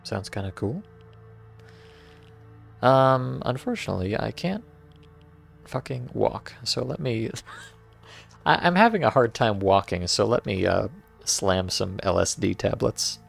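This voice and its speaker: A gravelly, low-voiced man comments on a game he is streaming in a wry, joking way. He laughs often and restarts his sentences. Faint game music plays behind him. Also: sing-song, a little slow, pauses often. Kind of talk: let's-play commentary.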